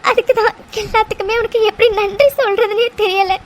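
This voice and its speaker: A woman's voice: extremely high pitch, steady tone, a little hiss or hum. Woman voicing a tearful young cartoon heroine. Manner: tearful, halting and hesitant. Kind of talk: cartoon voice acting.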